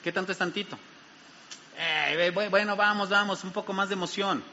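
A man's voice: high-pitched, fairly even intonation, brisk, pushed and bright, slight background noise, heavily acted. A man voicing a sly male devil who coaxes people toward sin, speaking in a dismissive, coaxing way. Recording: dull sound in an echoey hall.

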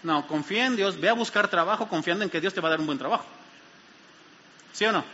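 Bright-voiced pastor preaching. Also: male voice, sits high, fast talker. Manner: lively, asks the crowd questions. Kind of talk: sermon. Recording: dull sound in an echoey hall.

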